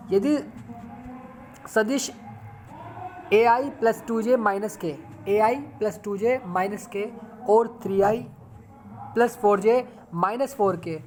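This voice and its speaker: A man's voice: high voice, a little hiss or hum. A man teaching a math lesson step by step, repeating phrases and often checking in with his viewers. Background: background music.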